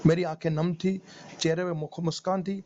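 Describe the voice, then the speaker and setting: A man's voice: a little high, flat delivery, normal speed, warm tone. A man, a meditation teacher, narrating a motivational first-person story in an emotional, pleading way. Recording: dull lo-fi recording with faint noise.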